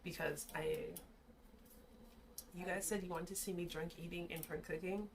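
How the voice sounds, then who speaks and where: A woman's voice: fairly low pitch, fairly even intonation, normal speed. A tipsy woman chatting casually to camera as she hosts a food video, slangy and given to swearing. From Caribbean background. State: tipsy from shots. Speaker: mukbang and drunk-cooking video host. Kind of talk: casual chat to camera while eating and cooking.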